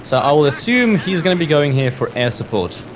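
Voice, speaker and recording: Co-commentator, analytical. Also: male voice, fairly high pitch, big pitch swings, a little fast, background noise. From Slovenia. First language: Slovenian. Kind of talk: live esports commentary.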